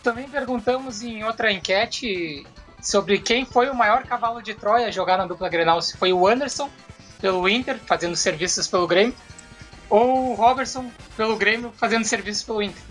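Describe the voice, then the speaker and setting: A man's voice: high voice, normal speed, fairly bright tone. A man speaks as a football show panelist, switching between commentary and talk. Music plays behind his voice.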